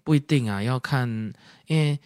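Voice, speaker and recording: A man's voice: mid-range voice, moderate pace, darkish tone, dry recording, clean studio sound. A man, co-hosting a podcast and explaining things in a rambling, casual way full of fillers and restarts. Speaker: podcast co-host. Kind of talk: casual chat.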